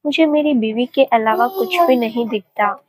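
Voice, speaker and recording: A woman voicing a doting, playful young husband in a romance story, speaking softly and affectionately. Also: fairly high pitch, animated, moderate pace, lightly acted, low-quality recording. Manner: soft, affectionate, teasing. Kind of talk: audiobook story reading.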